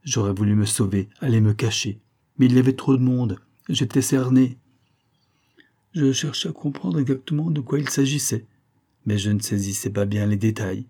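A man's voice: medium pitch, normal speed, dark tone, lightly acted. A man reading a novel aloud and voicing a dying woman who confesses to a false testimony, anguished and pleading, repeating words in despair. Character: dying guilt-stricken woman, a former false witness. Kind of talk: audiobook reading.

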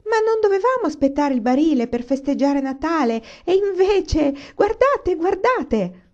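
A woman voicing an excited little pioneer girl in a storybook reading, with high, shrill exclamations. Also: measured pace, muffled recording.

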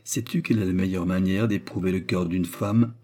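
A man voicing a scheming, disdainful male baronet villain, with a low, husky voice. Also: fairly even intonation, a little fast, dark tone. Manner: disdainful, calculating.

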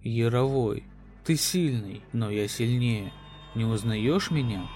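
A man voicing a gloating, menacing alien beast in a human body, slow, ominous and taunting, in a sci-fi horror audio drama. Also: medium pitch, a little mellow, faint music behind, natural voice. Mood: gloating menace.

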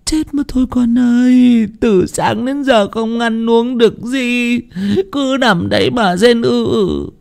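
A wailing, sobbing old village wife. The voice is pushed high and shrill, breaking into cries in a spoken horror story. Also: male voice, slow pace, vocal fry, darkish tone, clean tone, heavily acted. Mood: fretting.

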